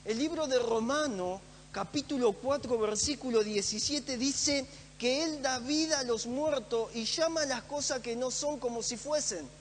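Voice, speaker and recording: A man's voice: very high-pitched, a little slow. A man preaching a sermon in a church, earnest and emphatic, repeating phrases for stress. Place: church hall. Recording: echoey church hall with faint hum.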